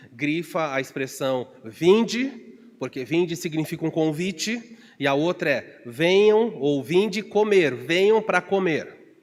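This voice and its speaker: A man preaching as a pastor leads a Bible study in a church with a slightly high voice. He tells stories with humor and wanders into digressions, and he acts out shouted calls with big pitch jumps. His voice rings with the long reverb of the hall.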